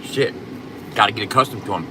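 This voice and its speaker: A livestream host talks quickly in a fairly low voice, chatting casually in a blunt, profane, rambling way. His speech is slightly slurred and lisping, as if from loose new dentures, and background noise can be heard.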